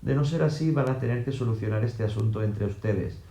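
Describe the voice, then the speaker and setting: A man voicing a matter-of-fact police officer who speaks plainly and calmly, in a roomy-sounding recording. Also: medium pitch, fairly quick, close to an everyday voice. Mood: businesslike. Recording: roomy echo.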